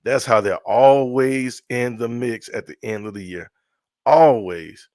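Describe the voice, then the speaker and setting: A middle-aged man hosting a casual live sports stream, excitable and repetitive, often trailing off mid-sentence. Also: medium pitch, measured pace, no echo, studio quality. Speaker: sports show host.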